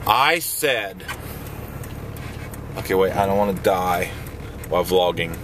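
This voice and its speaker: A middle-aged man talks slowly and playfully while filming his family, his pitch jumping around as he teases. Loud noise sits behind him in the recording. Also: animated. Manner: playful, teasing, shouts to wake his kid. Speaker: family vlogger. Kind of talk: casual family vlog.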